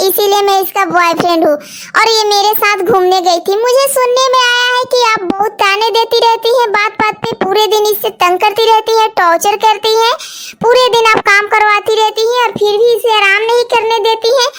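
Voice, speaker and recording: A cocky young boyfriend in a cartoon story who confronts the in-laws and lectures them, played by a woman. The voice is very high for a young man. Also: fairly bright tone.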